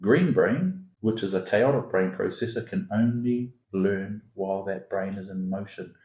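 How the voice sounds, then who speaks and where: A man's voice: fairly low pitch, unhurried, mellow, echoey room, lo-fi sound. A man from Singapore, founder of an education academy, talking emphatically as a podcast guest and building his points with repeated lines and long metaphors. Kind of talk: conversational podcast interview.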